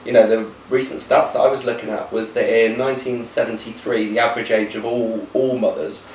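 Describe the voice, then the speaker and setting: A man's voice: mid-range voice, flat delivery, a little fast, a little mellow. A man in his thirties from the UK, co-hosting a casual chat in a talkative, teasing way with plenty of fillers. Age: 30s. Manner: chatty and teasing, thinks aloud with many fillers. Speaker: co-host. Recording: roomy, distant camera with faint hiss.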